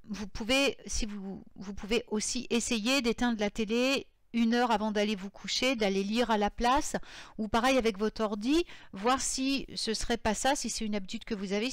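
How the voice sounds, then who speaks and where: A woman with a somewhat high voice gives casual, hesitant advice on witchy sleep habits, often pausing on fillers and restarting phrases. At times she slows to recite mantras syllable by syllable. The sound is dry and close, with no room echo. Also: fairly even intonation. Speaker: witchcraft vlogger.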